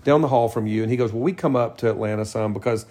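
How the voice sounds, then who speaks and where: A man's voice: medium pitch, quick pace, warm tone. A man, co-hosting a podcast in casual, rambling chat. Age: 50s. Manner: rambling, restarts sentences often. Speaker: podcast co-host.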